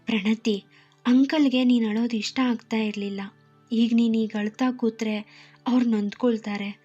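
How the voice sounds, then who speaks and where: A woman voicing a protective young man who gently consoles others while grieving quietly. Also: a little high, fairly even intonation, moderate pace, husky. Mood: consoling. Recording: muffled lo-fi with soft music.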